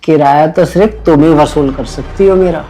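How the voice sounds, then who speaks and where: An actor playing a pushy, lecherous landlord who loudly demands his overdue rent. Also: normal speed, faint music behind. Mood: sly. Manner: loud, bullying, later sly and low. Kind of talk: low-budget comedy film acting.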